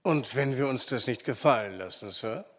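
A man voicing a calm, measured frontier hero who speaks with quiet authority, in a story reading with a long hall reverb. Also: on the high side, voice pushed up.

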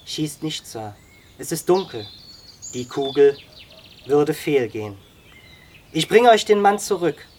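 A reader doing a quiet, calm young scout. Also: medium pitch, slow, pauses often, a little hiss or hum. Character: young, modest scout youth Shiso, calm.

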